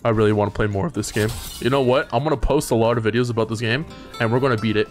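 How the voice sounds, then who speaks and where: A man giving excitable, profane commentary while playing a video game. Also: medium pitch, racing, faint music behind. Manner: excitable, profane, laughing often. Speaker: gamer. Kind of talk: casual let's-play commentary.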